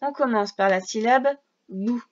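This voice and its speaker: Woman teacher going slow for little kids, kinda high voice, spells sounds out, lo-fi audio. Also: a little mellow. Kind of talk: reading lesson for young children. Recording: dull lo-fi sound.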